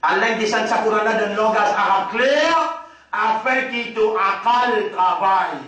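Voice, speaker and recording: High-voiced Mauritian man teaching in an echoey room. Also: sharp tone, recorded from a distance. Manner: repeats words slowly, mixes French with Arabic recitation. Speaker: Islamic teacher. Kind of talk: religious lesson after dawn prayer.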